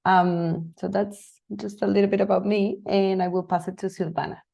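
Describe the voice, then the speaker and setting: A woman's voice: medium pitch, little pitch movement, moderate pace, gravelly, mellow. A woman from Venezuela introducing herself on a video call, with dull audio. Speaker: project manager.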